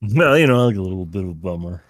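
A man's voice: low voice, animated, fast talker, no room sound. A young man co-hosting a podcast, joking around and laughing often in a casual, profane movie chat. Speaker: podcast co-host.

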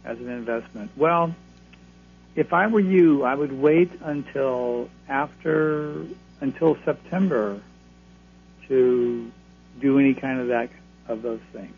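A man with a gravelly voice giving conversational advice to callers as a guest reader on a radio show. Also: mid-range voice, takes it slowly, faint music behind. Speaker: card-reading astrologer, radio guest. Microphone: telephone. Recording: thin phone line, humming noise.

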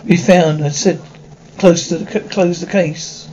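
High-voiced man acting out stumbling military drama characters. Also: steady tone, measured pace, a little mellow, dull audio, slight background noise. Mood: argumentative.

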